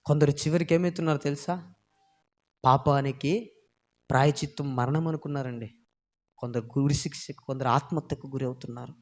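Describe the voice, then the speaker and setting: A man preaching a sermon, swinging between loud impassioned peaks and low hushed asides, with many rhetorical questions for his listeners. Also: steady tone, brisk, pauses often.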